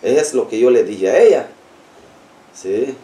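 A man's voice: medium pitch, expressive, normal speed, dark tone, far from the mic. A man telling a personal experience in a plain, conversational storytelling style, linking events one after another. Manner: plain, repetitive telling, links events with "entonces". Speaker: interviewee recounting a personal experience. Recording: roomy sound, speaker away from the mic.

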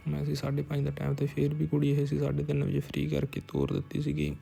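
A man's voice: on the high side, completely flat delivery, fast talker, creaky, mellow, slightly rough, faint music behind. A man narrating a behind-the-scenes shoot in casual, rambling chat, often dropping to whispered asides. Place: village house on a film shoot.

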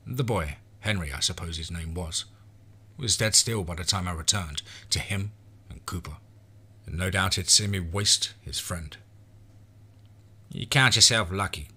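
A man's voice: low voice, normal speed, bright, forceful tone, slightly rough. A man narrating a scripted horror western in the first person, as a storyteller.

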